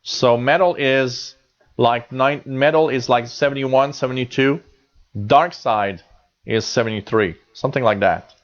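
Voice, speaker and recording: This radio host, a Canadian in his forties with a mid-range voice, speaks a little slowly as he reads chat on his live show. He chats casually, with frequent ums and restarts, over slightly dull, lo-fi audio.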